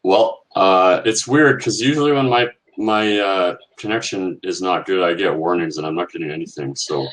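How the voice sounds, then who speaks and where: A man co-hosting a casual online chat over a video call, hesitant and laid-back with many pauses. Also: sits low, fairly bright tone, poor audio. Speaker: co-host.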